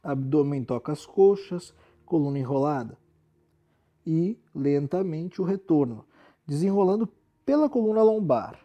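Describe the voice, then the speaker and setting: A man with a Brazilian accent guiding a yoga relaxation as an instructor, speaking in a calm, soothing and gently instructive manner. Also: a little high, measured pace, dull audio.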